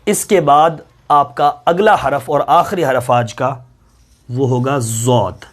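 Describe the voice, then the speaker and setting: A man's voice: on the high side, animated. A man teaching Quran letter pronunciation, patiently drawing out each letter sound step by step. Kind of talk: step-by-step recitation lesson.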